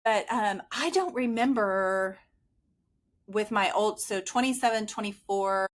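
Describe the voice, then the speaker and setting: A woman's voice: medium pitch, unhurried. A woman in her late forties, a podcast guest telling rambling, chatty stories full of asides. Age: 40s. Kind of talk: casual podcast chat.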